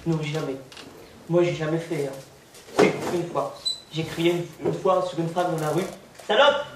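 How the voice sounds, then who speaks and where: A man doing a stand-up comedy routine as a naive, deadpan village simpleton, tagging his lines with "hein". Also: fairly high pitch, normal speed. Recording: roomy, noisy recording from far off.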